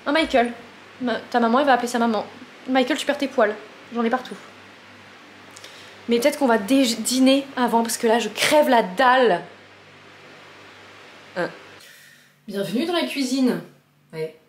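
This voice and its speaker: Woman rambling in her kitchen vlog, stressed and joking about it, bit high voice, echoey room. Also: normal speed, pauses often, slight background noise. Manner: chatty and self-mocking, frazzled, talks to her cat. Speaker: vlogger. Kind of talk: casual daily vlog. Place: home kitchen.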